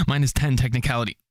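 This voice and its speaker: A young man with a mid-range voice hosts his channel and judges beatbox entries in casual reaction commentary. He's chatty and laughs a lot, swinging between mumbled asides and loud remarks while beat music plays behind him.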